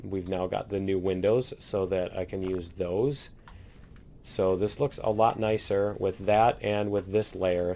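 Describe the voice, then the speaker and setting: A man chatting casually as he tours his base in a building game, rambling and laughing, a little hoarse and clearing his throat now and then. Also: sits low, warm tone, slight background noise. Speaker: let's play host. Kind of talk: casual gameplay commentary.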